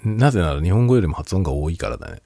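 A man's voice: deep voice, lively intonation, racing, dark tone, no room sound, studio quality. A man hosting a casual solo talk show, rambling and laughing a lot while tipsy. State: drunk. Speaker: podcast host.

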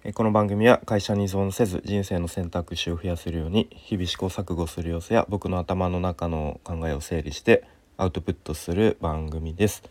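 Man, very low voice, slightly sore throat, stuffy nose, laid-back solo talk, lots of fillers. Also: dry recording. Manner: relaxed, unhurried, heavy use of fillers. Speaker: podcast host.

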